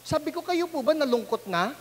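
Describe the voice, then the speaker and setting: Male pastor, animated sermon storytelling, acts out characters, long hall reverb. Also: very high voice, a little fast, a little hiss or hum.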